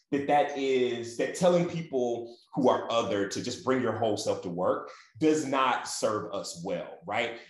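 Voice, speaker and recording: A man with a Mississippi Southern accent talking conversationally as a panel guest, often checking his points with "right?". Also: lowish voice. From Mississippi, USA. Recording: roomy, echoey sound.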